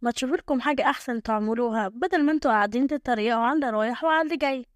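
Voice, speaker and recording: A woman's voice: fairly high pitch, racing, dry recording, clean studio sound, close to an everyday voice. A woman voicing a cheerful, easygoing young village woman with an Egyptian accent, shrugging off insults. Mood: carefree. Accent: Egyptian Arabic.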